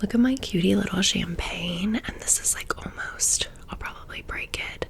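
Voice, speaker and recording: A woman chatting casually in an excited, gushing whisper for an ASMR video, with playful slang. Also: medium pitch, moderate pace, gravelly. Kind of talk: whispered ASMR merch haul chat.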